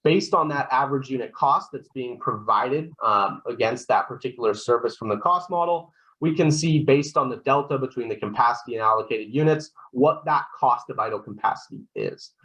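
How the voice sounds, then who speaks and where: A man presenting a software product walkthrough on a webinar. He explains steps one by one, keeps checking in with "right?", and often restarts his sentences. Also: medium pitch, fairly quick, few pauses, poor audio. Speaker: solution consultant presenting a software demo.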